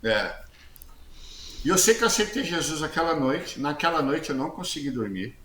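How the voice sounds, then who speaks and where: A man, a guest telling his testimony in a casual interview, talking loudly and acting out the dialogue he quotes with plenty of slang. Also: on the high side, moderate pace. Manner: lively storyteller who acts out quoted dialogue, slangy; speaks loudly. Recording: echoey room with faint background hiss.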